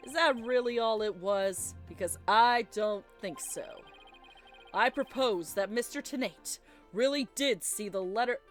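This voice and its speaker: A woman's voice: fairly high pitch, fairly bright tone. A woman reading out a confident young male defense attorney's game lines with emphatic, dramatic declarations. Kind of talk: reading game dialogue aloud.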